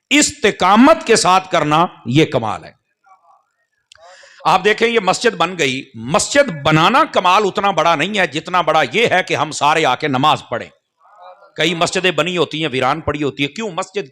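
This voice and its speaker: A man's voice: a little high, pushed and bright. A man preaching a sermon in a mosque, speaking straight to the gathering and checking that they follow. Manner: addresses the crowd directly, often checking they follow.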